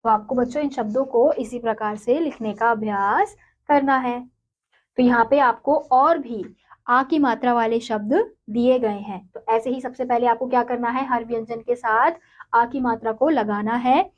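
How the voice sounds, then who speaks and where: A woman's voice: on the high side, highs cut off. A woman teaching young children to read and write, patiently sounding out syllables one by one before blending them into words. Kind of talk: slow, syllable-by-syllable children's writing lesson.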